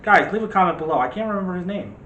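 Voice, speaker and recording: A man co-hosts a casual movie discussion show, offering strong opinions emphatically and directly to viewers. His voice is high-pitched, expressive, rapid-fire and a bit bright, in a lo-fi recording with roomy echo and faint background noise.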